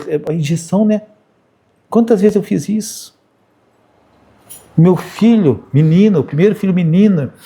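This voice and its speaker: Middle-aged man, high and mellow voice, informal sermon full of anecdotes. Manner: chatty, anecdotal, frequent "né?" tags. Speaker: spiritist speaker. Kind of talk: informal spiritual talk with anecdotes.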